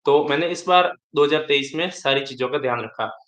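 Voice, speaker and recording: Young guy coaching on exam answers, kinda high voice, roomy echo. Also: a little fast, fairly bright tone. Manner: explanatory, repeats and restarts while advising. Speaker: exam topper sharing tips. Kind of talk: live online interaction. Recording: echoey room.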